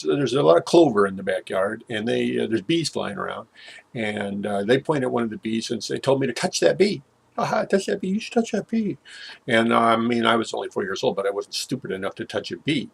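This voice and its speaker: Older man, gravelly and husky, low voice, halting storytelling, lots of fillers. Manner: halting, many fillers and restarts, voice drops low at grim moments. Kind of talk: spoken personal storytelling.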